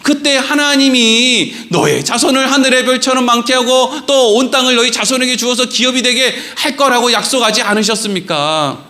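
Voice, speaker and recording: A man's voice: very high voice, normal speed, hardly any pauses, pushed and bright, exaggerated voice. A man voicing Moses as a mock-solemn, wheedling figure who talks God down during a sermon. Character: male Moses, cheeky and pleading with God.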